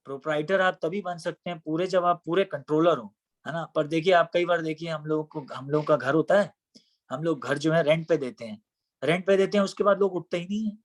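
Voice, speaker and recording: A man's voice: fairly high pitch, brisk. A man giving a devotional scripture class in a conversational way, often asking rhetorical questions. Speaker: scripture teacher.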